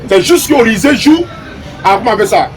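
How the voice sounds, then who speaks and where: Very high-voiced rambling pundit. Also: male voice, lively intonation, fast talker, some chatter behind, rough recording. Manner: rambling, loses words, digressive. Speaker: football pundit. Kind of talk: casual debate commentary. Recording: music bed behind voice.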